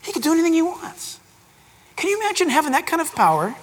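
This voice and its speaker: A man preaching a sermon as pastor, excitable and emphatic, asking his listeners rhetorical questions. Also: very high voice, fast. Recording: echoey hall with long reverb.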